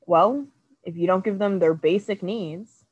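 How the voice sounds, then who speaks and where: A woman's voice: medium pitch, a little slow, a little mellow, husky. A young woman co-hosting a podcast, chatting in rambling bursts and readily agreeing. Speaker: podcast co-host. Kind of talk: casual chat. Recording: slightly dull, lo-fi sound.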